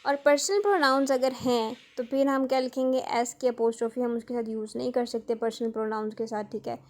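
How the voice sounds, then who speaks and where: A woman teaching a grammar lesson for exam preparation. She explains each rule step by step, reads the English example sentences slowly and carefully, and often checks in with her students. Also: a little high, steady tone, darkish tone. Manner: explains in Hindi-Urdu mixed with English terms.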